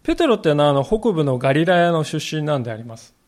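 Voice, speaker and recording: A man's voice: a little high, big pitch swings, rapid-fire, darkish tone. A male pastor giving a sermon in a conversational storytelling way, acting out the quoted lines.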